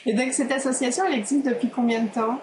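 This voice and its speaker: A woman's voice: fairly high pitch, steady tone, fast talker, background noise. A French woman hosting an interview, introducing her guest in a friendly, hesitant way with many fillers. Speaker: interviewer, host. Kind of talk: casual interview.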